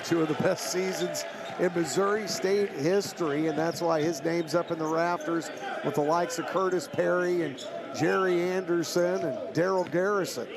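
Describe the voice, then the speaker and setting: A man's voice: a little high, steady tone, normal speed, gravelly. A man giving conversational, opinionated color analysis during live basketball commentary in an arena. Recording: crowd noise from basketball arena.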